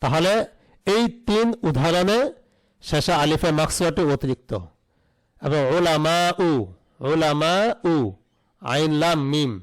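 A man's voice: fairly high pitch, slow, pauses often, low-quality recording. A man teaching an online Arabic grammar lesson, spelling out root letters and asking questions that he answers himself.

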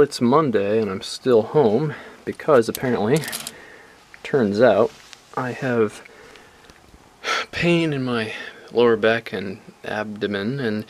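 A young adult man with a lowish voice records a casual video diary on a phone or camera held at arm's length. He's a relaxed vlogger, rambling with plenty of fillers, speaking indoors in a small bedroom and dorm room.

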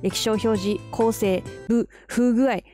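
A woman vlogging in a casual, chatty way, gushing and quick to laugh as she unboxes gear. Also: fairly high pitch, fairly even intonation, mellow. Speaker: camera vlogger. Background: background music.

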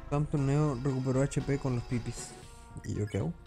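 Mellow man commenting on his gameplay. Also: medium pitch, normal speed, vocal fry, faint music behind. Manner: chatty, talks to himself while playing. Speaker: gaming channel host.

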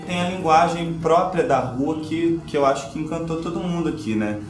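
A man's voice: a little high, moderate pace, soft background music. Young man, actor, interview, reflective and hesitant, roomy.

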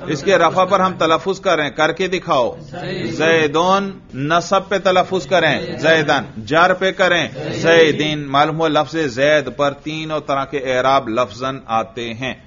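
A man from Pakistan teaching a grammar class, drilling his students with slow, patient questions and answers. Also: fairly high pitch, a crowd in the background. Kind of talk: classroom lecture with call-and-response drilling. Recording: dull lo-fi class recording.

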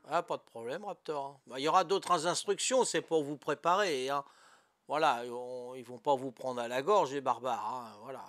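A man's voice: mid-range voice, moderate pace, a bit bright. Good-natured older gamer man from Corsica. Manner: good-natured, lots of "hein" and "voilà", asks for guidance. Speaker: gamer streamer. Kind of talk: casual gameplay chat.

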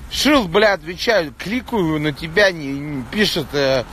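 A man in his thirties ranting casually on a livestream as he walks, swearing constantly like a rough street thug. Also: on the high side, animated, measured pace, fairly bright tone. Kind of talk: casual livestream chat while walking. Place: outdoors on a city street. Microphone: phone at arm's length. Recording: noisy outdoor street, traffic.

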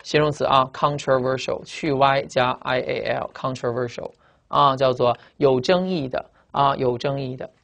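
A man's voice: medium pitch, fairly even intonation, measured pace, creaky, fairly bright tone. A man teaching English vocabulary, explaining and repeating, asking rhetorical questions and drawing out "啊". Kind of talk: classroom lecture.

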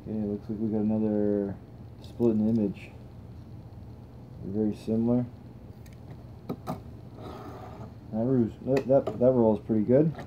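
A man's voice: fairly low pitch, unhurried, pauses often, lo-fi sound, a little hiss or hum. A young man hosting a toy car channel, chatting casually and thinking aloud as he tests cars on a table indoors. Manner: relaxed, rambling, thinks aloud while testing cars.

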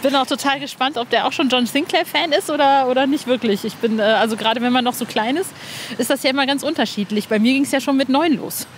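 Outdoors in a cemetery, a woman with a high voice and quick pace hosts a podcast, chatting and interviewing in an informal, excited way. The recording is clear, with background noise from the outdoors.

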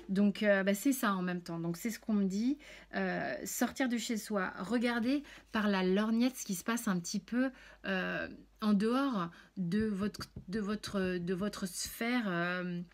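A woman doing a casual tarot reading, talking chattily with many fillers and restarts. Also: mid-range voice. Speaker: tarot reader.

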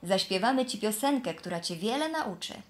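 A woman's voice: mid-range voice, lively intonation, normal speed, slight background noise, lightly acted. Woman playing mocking old fence posts. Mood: taunting. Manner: taunting, sing-song.

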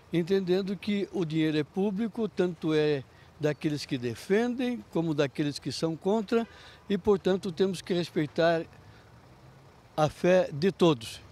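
A man's voice: fairly high pitch, darkish tone. An older man from Curitiba, a city councilman, making a formal, firm statement outdoors into a handheld mic. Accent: Brazilian Portuguese, Curitiba. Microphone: handheld reporter mic. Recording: street traffic faintly behind.

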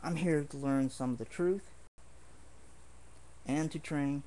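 A man's voice: a little high, takes it slowly, dark tone. A man casually showing his swords in a home video, talking in an earnest, rambling way with many restarts. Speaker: martial arts hobbyist showing swords.

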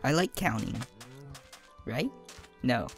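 Young male co-player, goofy, jumpy pitch, raspy edge. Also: big pitch swings, takes it slowly, faint music behind. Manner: goofy, easily surprised, rambling. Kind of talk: casual gaming chat.

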